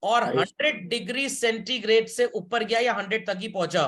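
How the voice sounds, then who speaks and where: A man's voice: sits high, moderate pace, a bit bright. A man teaching a class, leading his students through the lesson with everyday examples. He says the important points more than once for emphasis and keeps stopping to check that everyone is following along. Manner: repeats key points for emphasis. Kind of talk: classroom lecture.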